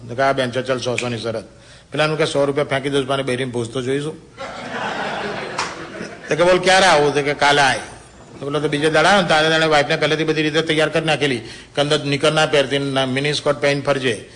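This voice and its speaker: A man's voice: fairly high pitch, steady tone, fast talker, a bit bright, a little hiss or hum. A man telling crude jokes in a chatty way and laughing at his own punchlines. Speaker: stand-up joke teller. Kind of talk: bawdy joke telling to a small audience.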